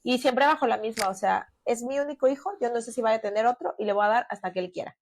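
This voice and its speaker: A woman's voice: on the high side, quick pace, slight background noise. A woman, co-hosting a podcast and telling her story in an earnest, chatty way with many fillers. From Mexico. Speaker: podcast co-host. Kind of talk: casual podcast chat.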